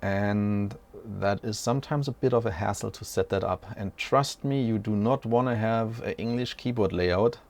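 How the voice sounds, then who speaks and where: Speaking in a lowish voice at normal speed with hardly any pauses, a man in his forties hosts an unscripted tech walkthrough. He's in a small room at home. He rambles chattily and corrects himself as he goes.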